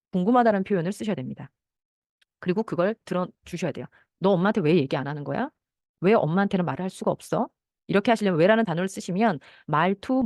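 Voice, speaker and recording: A woman's voice: on the low side, dry recording, clean studio sound. A middle-aged woman counselor giving a talk on how parents should speak with children, acting out short parent and child lines as she goes.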